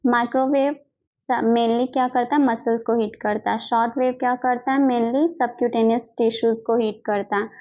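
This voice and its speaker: Speaking at a moderate pace with fairly even intonation, an Indian-accented woman teaches physiotherapy from her notes, explaining each step and often repeating herself with little check-in tags. Her voice sits on the high side. A lo-fi mic makes it sound dull.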